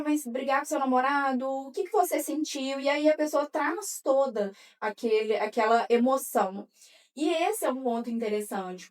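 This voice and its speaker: A woman's voice: sits high, recorded from a distance. A woman psychologist with a Brazilian Portuguese accent, explaining patiently with everyday examples and many fillers. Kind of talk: explanatory podcast talk.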